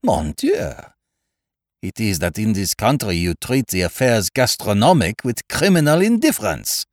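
A man's voice: on the low side, huge pitch swings, normal speed, dry recording, studio quality. Man voicing Poirot, a fussy detective. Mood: affronted, courteous. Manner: foreign phrasing, exclamatory, courteous. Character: Belgian male detective, fussy, courteous, theatrically indignant.

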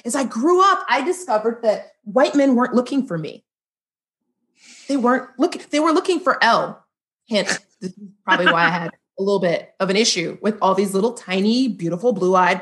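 A woman's voice: fairly high pitch, moderate pace. A middle-aged woman, a divorce lawyer and life coach, telling personal stories as a guest in a candid chat and acting out the dialogue. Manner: animated, acts out quoted dialogue. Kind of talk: candid conversational storytelling.

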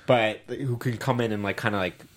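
A man's voice: lowish voice, fairly even intonation, a little fast, a little hiss or hum. A man with an American accent chatting casually about sports as a podcast co-host.

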